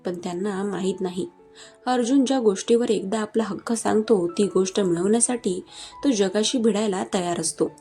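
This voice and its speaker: A woman storyteller giving a steady, expressive scripted narration of a romance story. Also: mid-range voice, moderate pace. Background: soft music.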